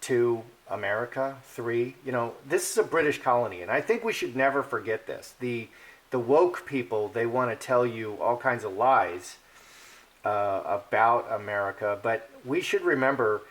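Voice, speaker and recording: Opinionated male card reader, rambling solo talk, mid-pitched voice, many ums and restarts. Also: normal speed, fairly bright tone. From Polish heritage. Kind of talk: casual monologue.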